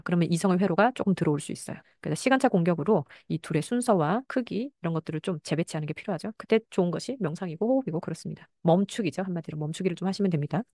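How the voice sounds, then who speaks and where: A woman counselor giving parenting advice, now and then acting out a mother's and a child's lines in a higher voice. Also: a little mellow, dry recording, clean studio sound.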